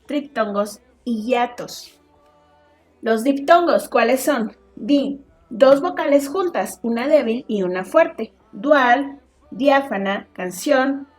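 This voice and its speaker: A woman teacher from Mexico giving a recorded online lesson, explaining slowly and often checking with her students. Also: a little high. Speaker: high school teacher. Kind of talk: online class lecture.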